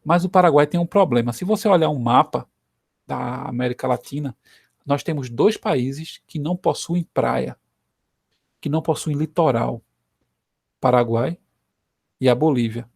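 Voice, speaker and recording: A Brazilian man teaches history conversationally at a moderate pace, often tacking "né" onto sentences to keep students engaged. His mid-pitched voice is creaky and husky, with long pauses. The recording is dry and close, with no room sound.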